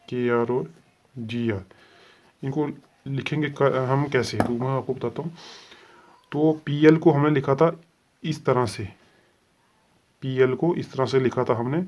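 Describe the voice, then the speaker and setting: A man's voice: medium pitch, a little mellow. A man teaching a shorthand lesson step by step, patiently sounding out letters and repeating set phrases. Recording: dull lo-fi sound.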